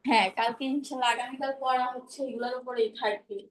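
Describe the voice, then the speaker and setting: A woman's voice: a little high, steady tone, quick pace, a crowd in the background. A woman teaching pronunciation in an online class, patiently explaining and modeling each sound over a video call.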